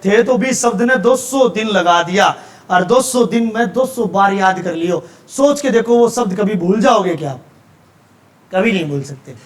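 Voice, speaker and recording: A male teacher with a Haryanvi accent lectures his class in a voice pitched unusually high for a man. He lays out his method step by step and keeps pausing to check that the students are following. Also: lively intonation. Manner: explains step by step with frequent check-ins.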